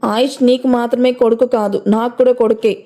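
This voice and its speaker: A woman's voice: fairly high pitch, steady tone, brisk, lightly acted. A woman voicing an angry, insistent young father. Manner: shouting, then pleading.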